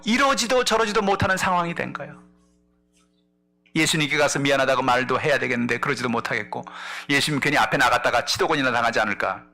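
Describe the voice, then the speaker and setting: Delivering a sermon, a male pastor tells a lively story and acts out what each character says, alternating booming exclamations with quiet asides. His mid-range voice has a creaky quality.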